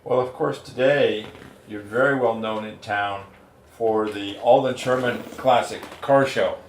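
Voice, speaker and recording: Lowish-voiced male interviewer, off mic. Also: fairly even intonation, measured pace. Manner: considerate, courteous. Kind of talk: conversational interview. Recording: distant, echoey room with faint noise.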